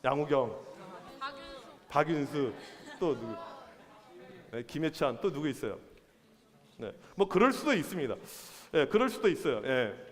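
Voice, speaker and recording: A youth pastor preaching in a church hall, high-voiced and lively, swinging his pitch up and down as he acts out people. A long reverb follows his voice around the room. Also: measured pace, long pauses. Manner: animated, playful, acts out characters. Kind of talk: sermon.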